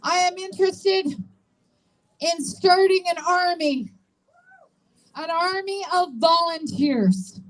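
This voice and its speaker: Lady emceeing a rally, high voice, informal announcements, encouraging, asks the audience stuff. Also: takes it slowly, pauses often, poor audio. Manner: encouraging, engaging the crowd with questions. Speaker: rally host and volunteer organizer. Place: public rally, speaking to an audience.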